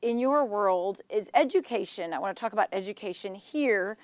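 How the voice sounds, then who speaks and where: A woman's voice: mid-range voice, expressive, moderate pace, no echo. A woman hosting a radio interview, asking questions in an encouraging way. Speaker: host.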